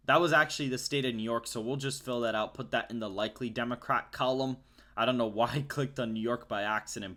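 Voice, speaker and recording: A man hosting an election forecast show, working through a map and reading out poll numbers state by state in a steady, list-like way. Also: mid-range voice. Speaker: political forecaster host.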